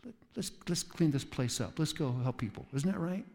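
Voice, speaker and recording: A man preaching a sermon in an animated way, acting out quoted voices with sudden jumps in pitch. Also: fairly quick. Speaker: pastor. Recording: long reverb of a large hall.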